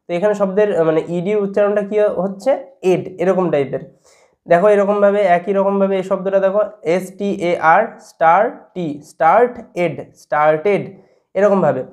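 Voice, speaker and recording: A man's voice: high voice, darkish tone. A man with a Bengali accent teaching an English lesson in a video. He spells words out letter by letter and asks the viewer questions, then answers them himself.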